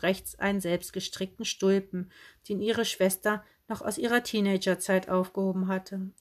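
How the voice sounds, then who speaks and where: A woman narrating a children's book in a lively, expressive way. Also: mid-range voice. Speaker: audiobook narrator.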